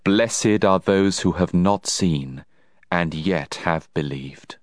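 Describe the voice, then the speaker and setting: Brief: a man doing a solemn, gentle Jesus, very low, slow and unhurried, dry close sound. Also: dry recording. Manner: slow, grave and soft-spoken. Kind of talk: dramatized scripture reading.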